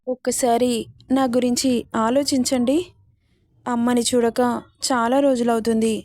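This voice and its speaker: A woman voicing a gentle young wife who pleads softly with her husband in a storybook reading. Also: on the high side, flat delivery, measured pace, no room sound, clean studio sound, close to an everyday voice. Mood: pleading.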